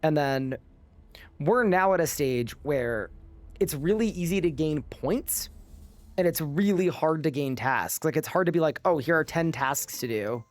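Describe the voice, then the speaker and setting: A man's voice: fairly high pitch, unhurried. A sleep-deprived man streaming a game live, chatting casually and reading his chat aloud.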